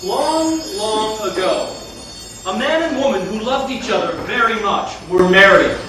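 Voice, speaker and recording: In a stage play, a man takes the role of a folktale's storyteller, reading scripted narration in a high voice with lively intonation at a measured pace. A distant mic in a big, echoing hall picks up background noise and music.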